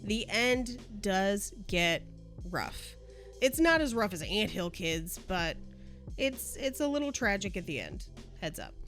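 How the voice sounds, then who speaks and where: A woman's voice: mid-range voice, big pitch swings, slow pace, a bit bright, faint music behind. A woman co-hosting a casual podcast, upbeat and friendly as she gives a heads-up about the episode. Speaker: podcast co-host and episode presenter. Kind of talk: casual comedic chat.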